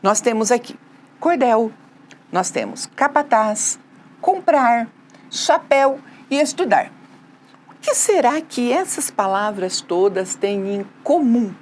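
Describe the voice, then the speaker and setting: A woman's voice: fairly high pitch, slight background noise. A Brazilian woman teaching a remote school lesson, asking the class questions and answering them herself, with frequent tag questions. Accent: Brazilian Portuguese.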